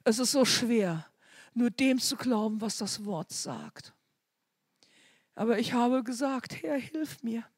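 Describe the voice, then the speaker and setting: An older woman preaching a sermon, moving between fervent, loud declarations and chatty storytelling of her own testimony. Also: fairly high pitch, takes it slowly, breathy edge, no room sound, clean studio sound. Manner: chatty storytelling with quoted dialogue.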